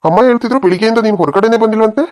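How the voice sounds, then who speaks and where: A man voicing a village neighbor and a husband in a cartoon comedy, reasoning in a plain, hurried way. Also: high voice, darkish tone.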